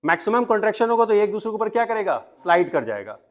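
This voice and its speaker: High-voiced male teacher lecturing a class. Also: very animated, rapid-fire. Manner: asks the class questions and answers them himself; mixes Hindi with English terms. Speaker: biology teacher. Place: classroom with students.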